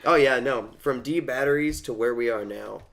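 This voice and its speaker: A man's voice: mid-range voice, normal speed, gravelly, a bit bright, slight background noise. Brief: enthusiastic male podcast co-host, mid-range voice, keen fan chatter. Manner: eager, talkative, quotes lines with gusto. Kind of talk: casual fan chat.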